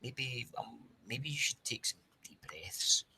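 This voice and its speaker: A Scottish man voicing Ellie, an anxious, protective young girl in a storybook reading, with a raspy voice pushed up high. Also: lively intonation, slow, bright, forceful tone, slight background noise, heavily acted. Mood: soothing.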